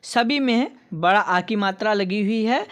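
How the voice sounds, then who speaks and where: Woman, teacher, slow deliberate pace, patient, sounds out syllables one at a time. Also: medium pitch. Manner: patient, addresses viewers as friends. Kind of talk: slow lesson reading syllables aloud.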